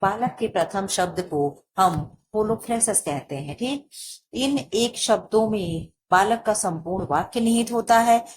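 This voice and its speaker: A woman's voice: mid-range voice, a little hiss or hum. Woman teacher quizzing her own lecture. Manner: explains and quizzes herself with repeated rhetorical questions. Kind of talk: exam-prep lecture.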